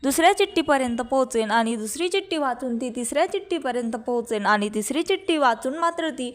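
A young woman retells a television serial episode, stepping through each scene and quoting the characters one after another. Her voice sits high and bright. She keeps up a steady storytelling flow. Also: fast. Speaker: narrator recapping a TV serial. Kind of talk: storytelling recap with quoted dialogue.

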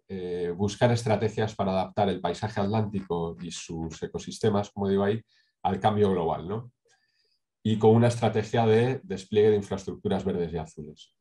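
Man from Spain, middle-aged, low pitch, mellow tone, video-call webcam, measured talk, frequent hesitations. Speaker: sustainability consultant presenting a project. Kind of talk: online conference talk with slides.

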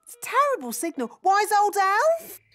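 Very high, bossy British fairy nanny. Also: female voice, huge pitch swings, moderate pace, fairly bright tone, soft background music, heavily acted. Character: brisk, bossy female fairy nanny and cook. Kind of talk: cartoon voice acting.

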